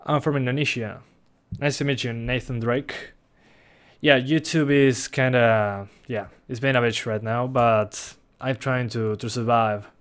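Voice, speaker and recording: This young man from Uruguay speaks native Spanish with a Rioplatense accent, his mid-range voice smooth and measured in pace. Relaxed on a live stream, he reads out chat questions, answers them casually, and chuckles frequently.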